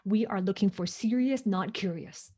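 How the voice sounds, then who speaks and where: A woman from Hong Kong, not a native English speaker, tells her story as an interview guest in a medium-pitched, darkish voice at normal speed. She speaks emphatically and keeps asking "right?" to seek agreement.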